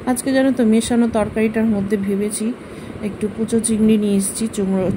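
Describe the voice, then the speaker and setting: A woman's voice: fairly high pitch, steady tone, a little fast. A middle-aged woman chatting casually to her viewers about her household chores in a rambling, homely way. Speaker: vlogger. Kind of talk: casual household vlog chat. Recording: noisy home recording.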